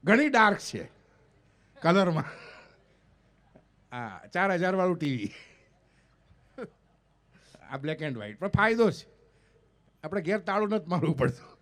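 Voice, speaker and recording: This high-voiced comedian from North Gujarat, India, tells jokes slowly, pausing often, on an event stage in front of an audience. A mimicry artist, he performs his comic stories with animation, voicing the dialogue of the people in them.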